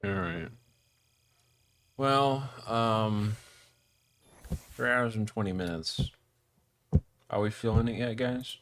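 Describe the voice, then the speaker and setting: A man's voice: medium pitch, slow, pauses often, fairly bright tone, a little hiss or hum. A wheezy man with throat trouble and a cough, chatting casually and swearing as he streams a game. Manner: sweary, informal. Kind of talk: casual gaming stream chat.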